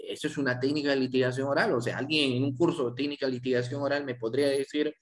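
A man's voice: medium pitch, steady tone, fast. A man giving a lecture to lawyers, asking rhetorical questions and adding tag questions. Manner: asks the audience rhetorical questions, with frequent tag questions. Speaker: law lecturer.

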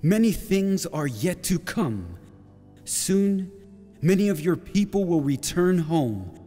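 An actor playing a calm, solemn angel on stage, speaking in a measured, reassuring way. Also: male voice, sits high, exaggerated voice. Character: calm, solemn male angel sent by God. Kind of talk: projected stage drama acting. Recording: long hall-like reverb. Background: music.

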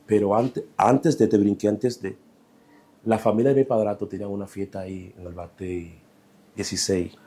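A man's voice: fairly low pitch, fairly even intonation, normal speed, dark tone, slightly rough. A young Dominican man telling his life story as a guest, rambling and slangy. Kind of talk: casual life-story interview.

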